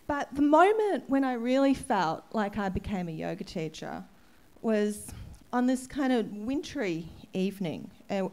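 A woman yoga teacher telling a personal story to a gathering at an ashram, candid and emotional, with soft laughs. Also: medium pitch. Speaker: yoga teacher giving a satsang talk. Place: ashram hall.

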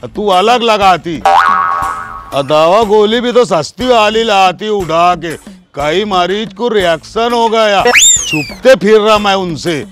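Grumbling hawker assistant, high, slow, Khandeshi Hindi accent, music bed, male actor. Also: big pitch swings, fairly bright tone, exaggerated voice. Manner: hawker's sing-song calling, grumbling. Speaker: clinic assistant who calls out to customers. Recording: music underneath.

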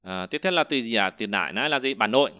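A man teaching a vocabulary lesson, explaining each word and repeating example sentences slowly, with frequent hesitations. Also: mid-range voice, lively intonation, bright, forceful tone, no room sound, clean studio sound. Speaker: Chinese teacher.

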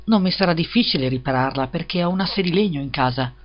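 A man's voice: on the high side, expressive, quick pace. A man reading a storybook and voicing a little, humble, eager-to-please peasant gardener in a meek voice. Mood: gioioso. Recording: slightly dull lo-fi recording.

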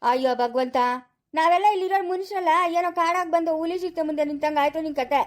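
A village woman in an amateur family drama who scolds briskly in rural Chikkaballapura Kannada. Her voice sits high and she talks fast. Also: a little mellow. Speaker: family channel performer.

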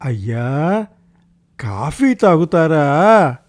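A man putting on a loud rustic servant. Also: on the high side, very animated, very slow, exaggerated voice. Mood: shouting. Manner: shouting loudly, rustic speech. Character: male household servant, loud and plain-spoken.

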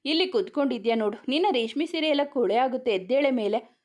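A woman's voice: high-pitched, expressive, quick pace, a little mellow. A woman voicing a playful young husband who teases and coaxes his wife in a storybook reading. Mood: coaxing. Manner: teasing, coaxing.

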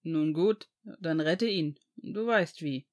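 A reader voicing a calm, serious young male centaur in a fan audiobook, speaking gravely and unhurried. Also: mid-range voice, lightly acted. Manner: calm, grave, slow-spoken.

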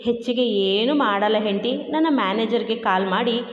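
A woman's voice: on the high side, normal speed, lightly acted. A woman voicing a sarcastic young husband who teases his wife in a smug, mocking way, in a story reading. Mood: teasing. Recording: dull echoey room with long reverb.

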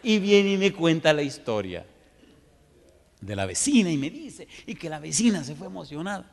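A pastor from the Dominican Republic preaches a sermon in an echoey hall, his voice fairly high and creaky at a moderate pace. He tells stories vividly, acting out the people in them.

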